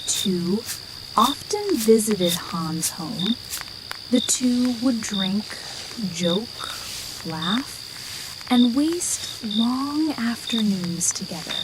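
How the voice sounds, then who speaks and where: A woman tells a sleep story in an ASMR whisper. Her delivery is very slow, yet the pitch moves about in a lively way. Clear night ambience with crickets sits behind her voice. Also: background noise. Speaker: storyteller narrator.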